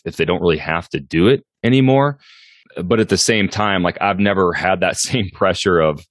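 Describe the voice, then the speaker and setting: A man's voice: sits low, dry recording, clean studio sound. A man in his forties talking casually and reflectively as a solo podcast host, circling and qualifying his points as he goes. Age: 40s.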